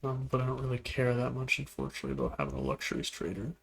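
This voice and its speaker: A man giving relaxed, musing commentary while playing a video game, now and then talking to things on screen. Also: mid-range voice, rapid-fire, gravelly. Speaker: gameplay video host. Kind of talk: casual gameplay commentary.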